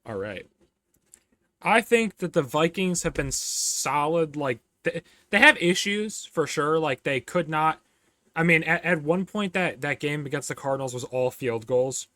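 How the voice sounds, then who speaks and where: A man's voice: fairly high pitch, animated, measured pace, pushed and bright, no room sound. Dry-sounding casual male podcast host. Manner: runs through picks with many fillers and restarts. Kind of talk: casual sports chat.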